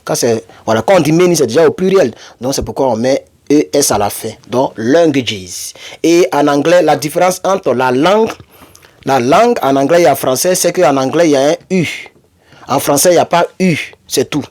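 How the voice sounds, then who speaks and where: A man's voice: a little high, moderate pace, a little mellow. A man teaching an English lesson, explaining patiently and repeating words, his voice jumping up when he reads out example sentences.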